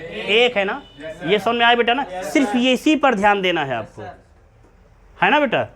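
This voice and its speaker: High-voiced man teaching chemistry. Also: sing-song, moderate pace, a crowd in the background. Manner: repeatedly checks understanding, calls students beta. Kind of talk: classroom lecture. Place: classroom with students.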